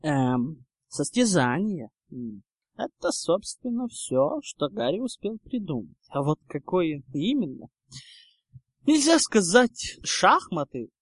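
Man, audiobook narration, high voice, lively swooping pitch, animated storytelling. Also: breathy edge, dry recording, clean studio sound. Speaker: reader.

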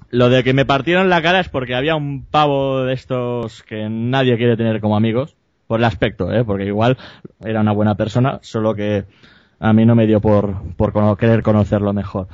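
A Spanish man with a mid-range, darkish voice tells anecdotes with humor as a podcast host in casual storytelling chat. His delivery rambles and self-corrects, jokey and crude, on dull, dry lo-fi podcast audio with no room sound.

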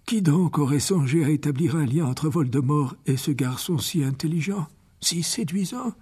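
A man reading an audiobook, voicing a gentle, slow-spoken old male wizard headmaster who chuckles and repeats himself. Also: on the high side, husky. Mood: musing. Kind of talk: audiobook character voice.

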